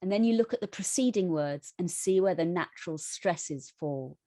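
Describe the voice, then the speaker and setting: A woman's voice: fairly low pitch, lively intonation, normal speed, dark tone, no echo, studio quality. A woman tutoring an online music workshop, explaining thoughtfully with frequent restarts and self-corrections.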